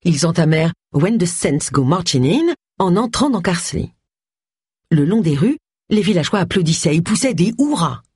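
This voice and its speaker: An audiobook narrator reading a novel in an expressive, varied way. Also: mid-range voice, moderate pace, slightly rough, no room sound, clean studio sound. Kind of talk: scripted narration.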